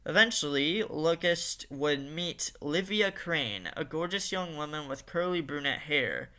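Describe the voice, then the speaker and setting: Man, narrator, casual story reading, slightly high voice, bright tone, some fillers. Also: expressive, measured pace. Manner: reads steadily with occasional fillers and restarts. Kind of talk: casual storytelling of fan fiction.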